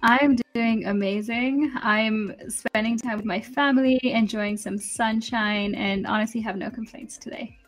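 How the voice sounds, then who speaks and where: A woman's voice: fairly high pitch, steady tone, a little slow, few pauses, soft background music, low-quality recording. A young woman from Kenya, a guest on a podcast, talking in a friendly, loose way with easy laughs. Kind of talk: casual interview.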